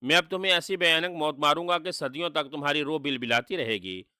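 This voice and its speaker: A boastful sorcerer villain, as a narrator puts him on, mocking and gloating. The voice is bright and edged, with a close, dry sound. Storybook telling. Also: male voice, on the high side, fairly quick, smooth, no room sound. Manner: gloating, taunting with read-out laughter.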